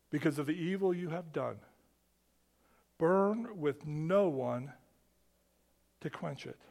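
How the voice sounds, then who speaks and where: A man preaching a sermon, with quick rhetorical questions and humorous asides, dropping to a hush on key words. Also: high voice. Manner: rises and falls for emphasis, drops to a hush on key words. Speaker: pastor.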